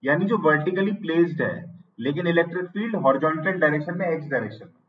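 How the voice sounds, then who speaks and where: A male teacher with an Indian English accent giving an online exam-prep lecture. He dictates notes slowly, repeats phrases, and asks and answers his own questions. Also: a little high, distant mic, dull audio.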